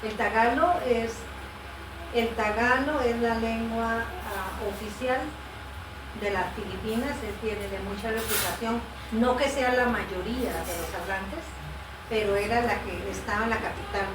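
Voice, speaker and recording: Talking a little slowly in a fairly high voice, a missionary Bible translator patiently explains what she does during a relaxed interview, with filler words and self-corrections along the way. The sound is roomy and far from the mic, with noise in the background.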